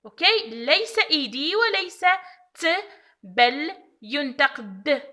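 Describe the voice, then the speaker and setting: A woman's voice: high voice, very animated, slow pace, sharp tone. A woman teaching an English pronunciation lesson, repeating each example word and often checking in with the class. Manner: checks understanding with frequent rising "okay?". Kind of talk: recorded online language lesson.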